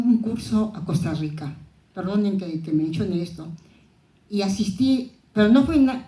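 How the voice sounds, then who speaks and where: A woman from southern Ayacucho whose first language is Quechua speaks at a panel in a reflective, anecdotal way, often restarting her sentences. Her voice is mellow and warm. The sound carries an echoey hall reverb. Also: mid-range voice. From southern Ayacucho, Peru. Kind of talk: conference talk.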